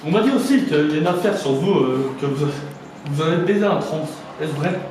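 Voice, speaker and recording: A man's voice: on the high side, lively intonation, fairly quick, darkish tone. A man hosting a mock documentary interview, asking questions in a formal, polite way. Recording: very echoey, distant mic, faint noise.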